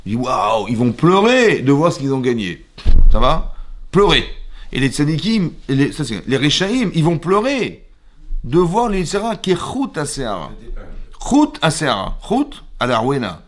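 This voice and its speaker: A man, a rabbi, leads a Torah class in a synagogue. He talks in a lively way, checks often that his listeners follow, and acts out the voices in the stories he tells. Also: on the high side, moderate pace. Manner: lively, asks the audience questions; acts out quoted dialogue.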